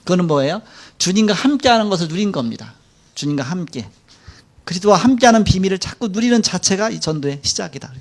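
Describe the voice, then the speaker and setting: A middle-aged man speaks in a fairly high voice, lecturing from a church pulpit. His talk is loose and conversational, and he slips into playful acted-out quotes. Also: quick pace. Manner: colloquial and animated, acting out quotes, chuckling. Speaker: pastor. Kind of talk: sermon lecture.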